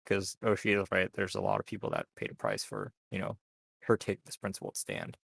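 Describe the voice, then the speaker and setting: A man with a very low voice and a gravelly edge co-hosts a relaxed discussion. He talks in a halting way, stopping and restarting as he works through his thoughts. The sound is close and dry. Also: no echo. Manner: halting, thinks aloud with many fillers. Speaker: co-host. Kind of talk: casual discussion.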